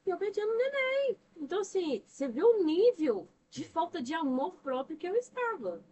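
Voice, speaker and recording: A woman's voice: very high voice, very animated, moderate pace, mellow. A Brazilian woman, a podcast guest, talks about faith and emotional health in an emphatic, preacher-like way full of rhetorical questions. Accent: Brazilian Portuguese. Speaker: podcast guest, church member and counselor. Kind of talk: earnest religious talk on emotional health. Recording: distant mic with faint noise.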